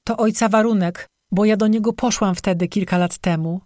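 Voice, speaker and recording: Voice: medium pitch, steady tone, normal speed, a little mellow, no room sound, voice pushed up, natural voice. An audiobook narrator voicing a young cursed strzyga woman who confesses bitterly through tears, recorded dry and close. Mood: tearful. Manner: bitter, tearful confession with sobbing.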